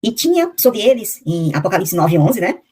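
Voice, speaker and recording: Woman, Bible teacher, middle pitch, measured and explanatory, on a video call. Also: big pitch swings, dark tone, slightly rough. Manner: reads out name lists and verses, slowly spelling out foreign names. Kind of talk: explanatory Bible lesson with slides.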